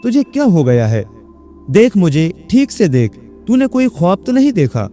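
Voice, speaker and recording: A man voicing an elderly mother who anxiously pleads with her confused son, in a raised, higher voice. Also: big pitch swings, moderate pace, warm tone, soft background music. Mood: pleading.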